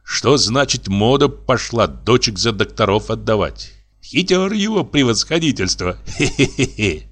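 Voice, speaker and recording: A man's voice: mid-range voice, expressive, a little slow, fairly bright tone. A man doing a sly, wheedling landowner. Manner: wheedling, sighing, sneering chuckle. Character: sly, debt-ridden middle-aged male landowner.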